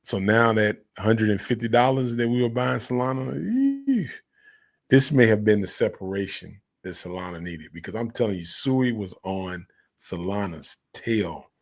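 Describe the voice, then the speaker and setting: A man talking casually as a crypto host, in a hyped, slangy, emphatic crypto bro manner, with a husky, gravelly voice. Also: lowish voice, normal speed. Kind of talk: casual solo crypto commentary.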